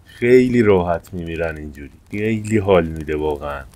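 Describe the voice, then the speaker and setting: An Iranian gameplay streamer gives casual let's-play commentary, excitable and prone to sudden high-pitched yelps whenever fires start.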